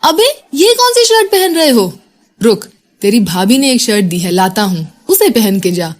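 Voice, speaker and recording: A woman's voice: fairly high pitch, sing-song, moderate pace. Pushy young male friend from the hostel, voiced by a female narrator, brash and bossy.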